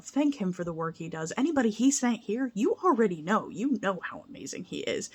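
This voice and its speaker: Earnest, rambling young woman vlogger. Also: on the low side. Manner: earnest, rambling, emotional, with frequent restarts and laughs. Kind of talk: casual heartfelt vlog talk.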